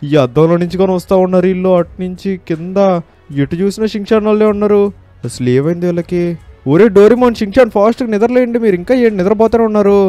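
A man voices a jittery uncle who rushes through his lines and breaks into high, yelping panic. The voice is fairly high, with a mellow, dry tone. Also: dry recording, soft background music, close to an everyday voice. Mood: panicked. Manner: yelps in high-pitched panic. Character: harried grown-up uncle, easily panicked.

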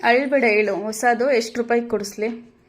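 A young woman filming a casual home video, softly coaxing and soothing a crying child with repeated gentle questions. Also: fairly high pitch, fairly even intonation, normal speed. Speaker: parent filming her child.

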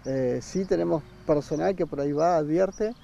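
A man, a campground manager speaking haltingly in an outdoor interview. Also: fairly high pitch, vocal fry, warm tone. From Argentina. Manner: hesitant, many fillers and restarts. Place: outdoor park by a river. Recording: dull sound, faint outdoor noise.

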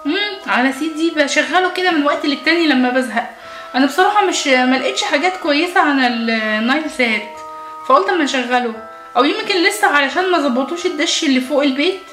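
A woman's voice: high voice, expressive, fast talker, fairly bright tone, soft background music. A woman with an Egyptian Arabic accent voicing a little girl doll with a tummy ache, in a childlike, whiny voice. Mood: chatty. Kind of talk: doll play acting. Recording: echoey room.

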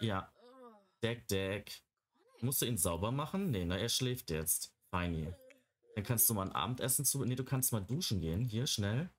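A young man with a fairly low voice talks his way through a life-simulation game. He chats along casually and slips into cooing baby talk for the animals and characters on screen. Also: husky. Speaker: Let's Play gamer. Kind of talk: casual gameplay commentary.

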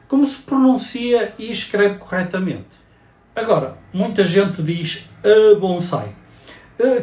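A man hosting a casual, step-by-step explanatory lesson. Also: high-pitched. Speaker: bonsai channel host. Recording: roomy echoey recording.

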